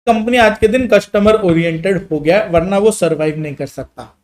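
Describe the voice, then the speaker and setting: A man's voice: sits high, roomy sound. A young man teaching an exam revision lecture, asking questions and answering them himself, mixing in English terms as he explains. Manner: explains in quick Hindi mixed with English terms, asks and answers own questions.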